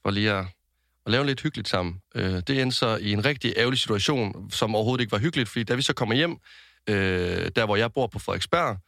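A man's voice: lowish voice, expressive, gravelly, fairly bright tone, no echo, clean studio sound. A young man co-hosting a casual podcast, recounting a story with many hesitant fillers. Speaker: podcast co-host.

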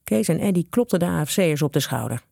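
Husky, gravelly woman reading a story. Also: sits low, fast talker, no echo, clean studio sound. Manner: lively, with character voices. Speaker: narrator. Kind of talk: reading a children's story aloud.

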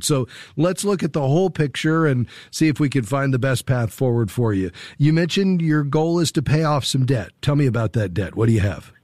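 A man hosting a call-in advice show, explaining things calmly and step by step into a studio microphone. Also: mid-range voice, no room sound. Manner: calm, measured, explaining step by step. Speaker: radio host, financial advisor.

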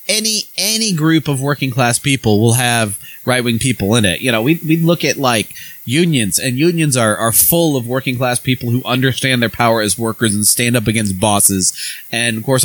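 A man's voice: mid-range voice, fairly bright tone, low-quality recording. An American man co-hosting a podcast, talking politics bluntly with plenty of swearing and restarts. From United States. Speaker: podcast co-host. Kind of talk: casual political chat.

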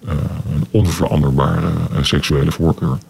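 Deep pitch-shifted, disguised man's voice. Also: fairly even intonation, creaky, a little mellow, breathy edge. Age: 40s. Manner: hesitant, many filler sounds, slow and deliberate. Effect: voice disguised with a deep pitch-shift distortion. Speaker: anonymous interviewee. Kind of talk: radio interview.

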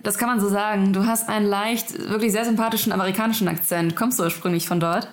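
A woman's voice: medium pitch, steady tone, fast talker. A woman hosting a podcast interview in a conversational style.

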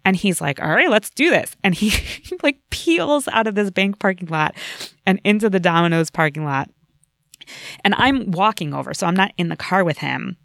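A woman in casual podcast chat, telling a story in an animated way and acting out the lines of the people in it. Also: mid-range voice, moderate pace, creaky, no room sound, clean studio sound. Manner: animated storytelling with voiced quotes.

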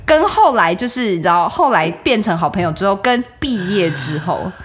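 A woman's voice: medium pitch, normal speed. A young woman with a Taiwanese Mandarin accent, co-hosting a casual chat podcast and acting out the lines she quotes. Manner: animated, acts out quoted lines. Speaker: podcast co-host. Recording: steady background noise.

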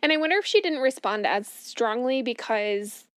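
A woman's voice: fairly high pitch, animated, moderate pace, no room sound. A woman co-hosting a casual movie discussion podcast in a chatty, conversational way, recorded up close in a small closet. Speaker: podcast co-host.

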